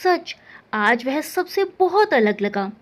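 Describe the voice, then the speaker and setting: A woman voicing a dreamy, carefree young woman in love, speaking softly and wistfully. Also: sits high, sing-song, takes it slowly, heavily acted.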